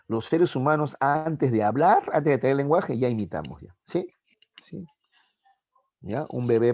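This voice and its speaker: A man teaching a class over a video call, his voice sitting low. He keeps checking in with his students as he explains. The sound is dry and a little muffled, like online-class audio. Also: a little mellow, dry recording.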